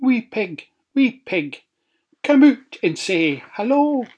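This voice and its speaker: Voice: medium pitch, big pitch swings, slow pace, highs cut off, voice pushed up. A narrator voicing a sly, hungry old grey wolf in a Scottish storybook tale, in a wheedling sing-song. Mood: coaxing. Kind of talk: storybook reading.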